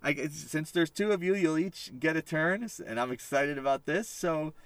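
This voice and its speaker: A man's voice: fairly high pitch, moderate pace, fairly bright tone, clear, resonant tone, no room sound. A man hosting a podcast interview from his family van, chatty and upbeat with a rambling way of talking. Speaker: podcast host.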